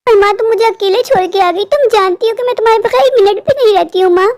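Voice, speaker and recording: A woman voicing a ghostly daughter who calls plaintively for her mother in an animated horror story. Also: very high voice, quick pace, no echo. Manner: pleading, plaintive calling. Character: ghost daughter, lost and clinging, young.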